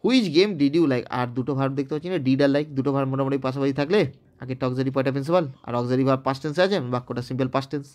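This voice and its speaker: Brisk male grammar teacher. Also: mid-range voice, darkish tone. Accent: Bengali. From West Bengal, India. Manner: explains step by step, often checks understanding with the class. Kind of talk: recorded online grammar lesson.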